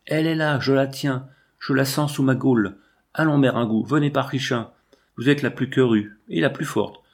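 A man's voice: fairly low pitch, lively intonation, normal speed, a little mellow. A man voicing a sinister, scheming peasant shepherd in a storybook reading, with taunting, half-threatening calls. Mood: urging.

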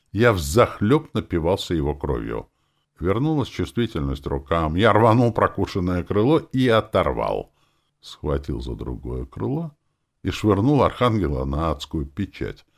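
Deep, gravelly male audiobook narrator. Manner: dramatic, expressive storytelling. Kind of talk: first-person audiobook narration.

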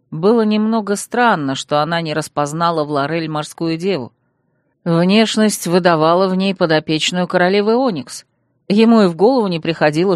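A woman reading a fantasy novel aloud, telling the story with lively expression. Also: fairly low pitch, dry recording, clean studio sound. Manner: lively storytelling, acting out the dialogue. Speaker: audiobook reader. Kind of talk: scripted narration.

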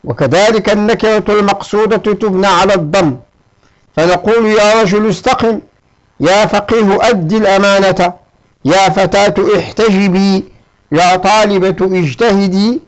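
A man with a high-pitched voice teaches a grammar lesson in a patient, classroom manner. He repeats each example and checks on his students with a quick questioning "ha?". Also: fairly even intonation, low-quality recording.

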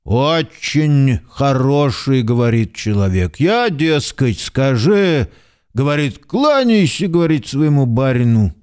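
A man acting out a sly, half-drunk manservant in a radio drama, with a middling voice. He drones on at a slow, stubborn drawl, circling back to the same phrases and dodging every question. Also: mid-range voice, a little mellow. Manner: slow, droning drawl with repeated "he says".

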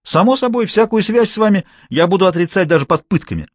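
Guy doing a bossy crime boss, high and snappy, all scorn, lots of lift and drop. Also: animated, fast, no room sound, clean studio sound. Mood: scornful. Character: irritable scheming male crime boss.

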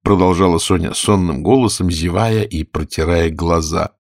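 A man reading a fairy-tale audiobook aloud as the narrator, with expressive intonation. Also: sits low, normal speed, no echo, studio quality. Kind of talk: scripted storybook narration.

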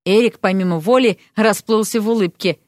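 A woman narrating an ironic fairy-tale audiobook in a lively, storytelling manner. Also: mid-range voice, fairly quick, no echo, clean studio sound.

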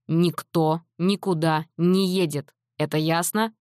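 A woman reading an audiobook, voicing a stern, quick-tempered middle-aged father who talks in loud, slow, emphatic outbursts. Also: on the low side, steady tone, no room sound, clean studio sound.

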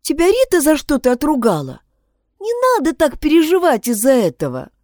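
A woman reading an audiobook, voicing a kind teenage schoolgirl who gently coaxes a friend. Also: sits high, wildly swooping pitch, fairly quick, no echo, studio quality, voice pushed up. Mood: coaxing. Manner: gentle, coaxing.

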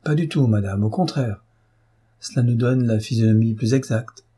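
A man reading aloud and voicing a polite, composed young painter with measured replies. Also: medium pitch, dark tone, slightly rough, natural voice.

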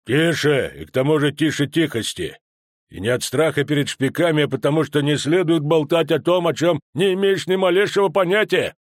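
A man's voice: a little high, brisk, no echo, clean studio sound, close to an everyday voice. A man voicing a stern old male dwarf veteran who lectures the others with firm emphasis in an audiobook. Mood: emphatic.

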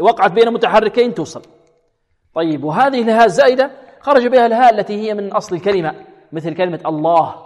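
Guy teaching quran recitation in a big echoey hall, voice a bit high, keeps asking the class and answering himself. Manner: asks students questions and answers them himself, repeats words slowly for practice. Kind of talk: classroom tajwid lesson. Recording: long hall reverb.

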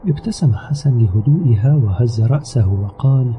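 A man narrating an audio novel in a steady, measured storytelling manner. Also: medium pitch, slight background noise. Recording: slightly dull recording with background music. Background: soft music.

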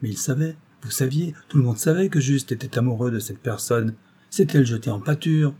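A man's voice: medium pitch, brisk, dark tone, slightly rough, pitched above the performer's own voice. A man reading aloud voices a kindly, good-natured middle-aged husband who is easily flustered. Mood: earnest.

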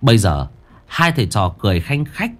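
Male ghost-story narrator, low voice with an animated, swinging delivery. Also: a little fast, faint music behind. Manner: lively, dramatic.

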